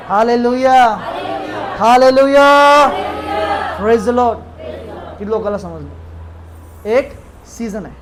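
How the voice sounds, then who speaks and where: A man's voice: very high-pitched, slight background noise. A man pastor with a Marathi accent preaching a sermon in a church hall, emphatic and calling out hallelujahs. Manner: emphatic, calls out hallelujahs with the congregation.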